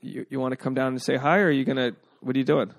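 Gravelly man hosting a casual podcast. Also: mid-range voice, fairly even intonation, racing. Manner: rambling, jokey asides. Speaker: podcast host. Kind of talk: casual advice podcast talk. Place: indoors at home.

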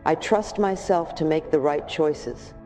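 A woman giving scripted, gentle affirmation narration, addressing the listener affectionately. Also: low-pitched, a little slow, soft background music.

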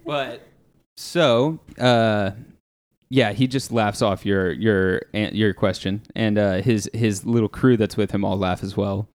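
A man's voice: fairly low pitch, slow, darkish tone. A man narrating and describing scenes as the game master of a tabletop game.

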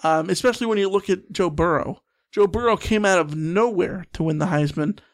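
A man hosting a sports podcast in casual chat, reading out listener messages in a quick, relaxed manner. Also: high-pitched.

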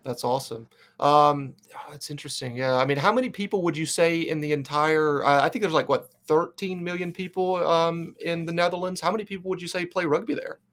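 This sports fan podcast host speaks a little quickly in a fairly bright, higher-pitched male voice. His interview chat is upbeat and loose, scattered with plenty of fillers.

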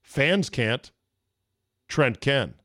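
A man's voice: medium pitch, very animated, very slow, fairly bright tone, no echo, studio quality. A man in his fifties hosting a podcast, talking in a laid-back, freewheeling way and reading aloud. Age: 50s. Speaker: podcast and sports radio host. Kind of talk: freewheeling solo podcast talk, reading listener emails.

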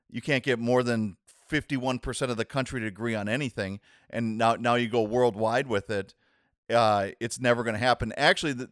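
A man explaining a technical subject in a casual interview, talking in halting bursts with many restarts and "right?" checks. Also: on the low side, no room sound, clean studio sound. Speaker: guest explaining Bitcoin.

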